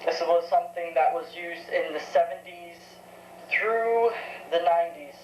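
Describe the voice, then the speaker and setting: A young woman of seventeen, into vintage tech, demonstrates a tape recorder off the cuff, her voice on the low side, steady in tone and a little slow. She hesitates and thinks out loud. The audio sounds dull, with a roomy echo and faint noise behind her.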